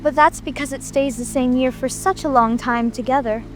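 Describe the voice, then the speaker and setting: Storybook little girl adult female actor: high voice, inquisitive, well-mannered, puzzled, light music bed. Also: fairly even intonation, moderate pace, close to an everyday voice. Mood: curious. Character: curious, polite little girl, puzzled and thoughtful. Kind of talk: full-cast dramatic audiobook reading.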